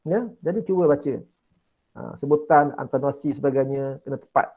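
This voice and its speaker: Malaysian man teaching with dull lo-fi sound. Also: medium pitch. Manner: coaxing, repeats key words, recites Quran slowly. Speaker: Islamic studies teacher. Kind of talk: online exam-prep lesson. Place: indoors, online class.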